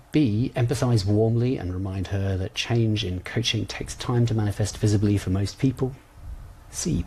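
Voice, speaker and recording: A male coach trainer runs an informal online exam preparation session, talking conversationally and often hesitating as he thinks aloud. His voice is fairly low and a little mellow, captured in a low-quality recording with slight background noise.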